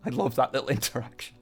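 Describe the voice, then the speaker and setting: A man streams a game in a casual, conversational way. He talks in a rambling, self-correcting manner and reads story text aloud, with faint music behind him. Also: medium pitch. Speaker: game livestreamer.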